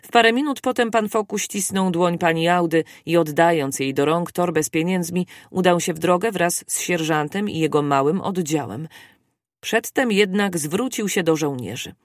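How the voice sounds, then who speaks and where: An audiobook reader giving a steady, scripted narration of a classic adventure novel. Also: mid-range voice, normal speed, dry recording, studio quality.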